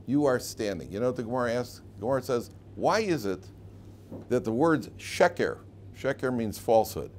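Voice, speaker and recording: Speaking at normal speed in a medium-pitched, expressive and slightly mellow voice, a man plays a rabbi teaching Torah informally. He presses his points with questions, repeats key phrases and frequently supplies his own answers, all recorded in an obviously noisy room.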